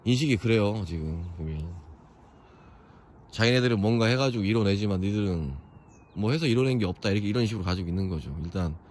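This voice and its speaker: Young male vlogger, deep voice, loose opinionated commentary, outdoor camera mic. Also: lively intonation, fast, a little mellow, a little hiss or hum. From Chungcheong region, South Korea. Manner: rambling, opinionated, many fillers. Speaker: vlogger touring a historic fortress. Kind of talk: casual walking commentary. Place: outdoors at a hilltop fortress.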